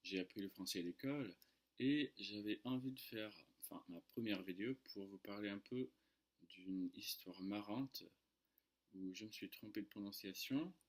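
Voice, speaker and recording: A man with a fairly low voice and an American accent speaks French as a second language. His delivery is casual storytelling, with hesitations and small slips in grammar, as a native English speaker would make. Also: normal speed. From United States. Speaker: French tutor and online video creator.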